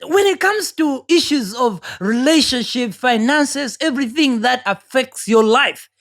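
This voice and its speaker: A Ugandan woman with a Ugandan accent gives an earnest, preachy motivational monologue, often repeating words while reaching for the next. Her high voice is expressive, fairly bright and a little slow.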